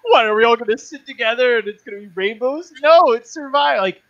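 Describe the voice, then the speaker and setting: A man's voice: extremely high pitch, expressive, fast talker, a bit bright, no room sound, dull audio. A man hosting a casual panel chat, emphatic, acting out mocking retellings. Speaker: host.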